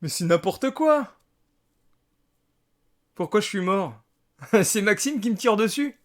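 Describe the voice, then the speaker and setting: Excitable male let's player with a high voice, reads game text aloud and swears freely. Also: takes it slowly. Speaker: let's play gamer. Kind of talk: casual gameplay commentary.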